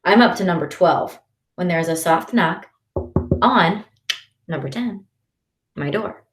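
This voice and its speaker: A woman narrating a first-person children's novel in an expressive reading voice. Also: lowish voice, a little slow, faint music behind. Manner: expressive, shifting into character voices. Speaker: audiobook narrator. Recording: roomy echo.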